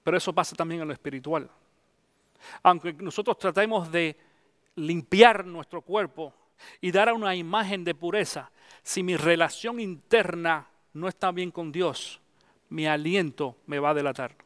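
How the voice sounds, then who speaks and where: Man, middle-aged pastor, high voice, conversational sermon, dry close sound. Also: normal speed, fairly bright tone, dry recording. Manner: conversational preaching, mixes English phrases into Spanish.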